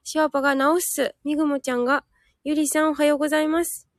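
Woman, live audio host; high voice, chatty, reads listener comments aloud and corrects herself as she goes; dry, close recording. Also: little pitch movement, quick pace, no room sound. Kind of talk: casual live chat reading listener comments.

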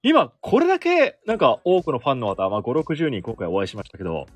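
A man's voice: medium pitch, wildly swooping pitch, fast talker, husky, no room sound, faint music behind. A sports announcer in his thirties hosting a solo podcast, chatting casually and self-deprecatingly about his work. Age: 30s. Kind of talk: casual solo radio-style chat.

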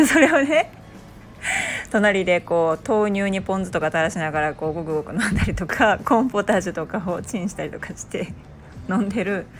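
A woman, a mother hosting a casual spoken monologue, telling a lively story with laughs and acted-out quotes. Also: fairly low pitch. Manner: chatty, animated storytelling with quoted voices and laughs. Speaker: podcast host, mother.

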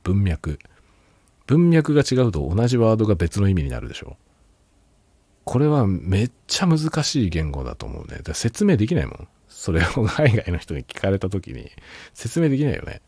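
A man's voice: lowish voice, big pitch swings, brisk, dark tone, breathy edge, no echo. A man hosting a casual solo talk show, rambling and laughing a lot while tipsy. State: drunk. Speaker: podcast host.

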